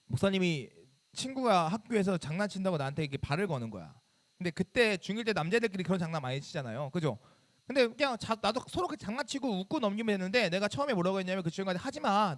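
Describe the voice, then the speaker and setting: A man in his thirties gives a sermon to a room of middle schoolers as their youth pastor. His voice sits high and swings widely up and down. He keeps it conversational, pelting the teens with questions. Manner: bursts into loud scolding when acting out his younger self.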